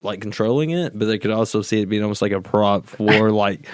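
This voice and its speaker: Joking man riffing as podcast co-host, low-pitched, dry close recording. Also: a little fast, no echo. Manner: joking, rambling, heavy use of "like". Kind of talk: casual podcast chat.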